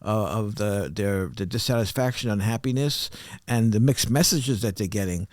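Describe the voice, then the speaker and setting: A man's voice: fairly low pitch, moderate pace, dry recording, studio quality. A man co-hosting a podcast in casual debate chat, talking hesitantly with restarts and wry remarks. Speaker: podcast co-host.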